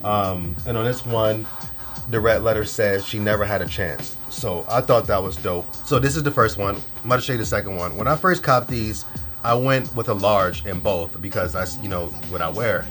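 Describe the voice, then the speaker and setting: A young fashion vlogger with a cold talks through a clothing haul in a stuffy, nasal voice. He's laid-back and rambling, full of slang and fillers. His voice is on the low side and fairly bright, at a normal speed, with faint music behind.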